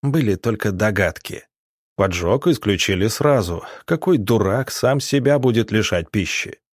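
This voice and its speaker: A man narrating a story in a steady audiobook manner. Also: lowish voice, normal speed, no room sound, studio quality.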